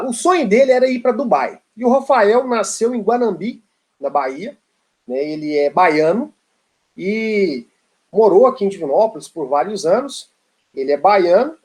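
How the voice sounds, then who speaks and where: A man's voice: sits high, a little mellow. A man delivers an informal law lecture. He tells a playful story with frequent tag questions and asides.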